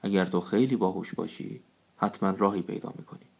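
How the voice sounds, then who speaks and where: مردی در نقش رئیس شورای نادان و خودپسند. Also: male voice, deep voice, fairly even intonation, creaky, a little mellow. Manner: self-satisfied, proclaiming. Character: foolish pompous male village council head. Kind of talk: storybook reading.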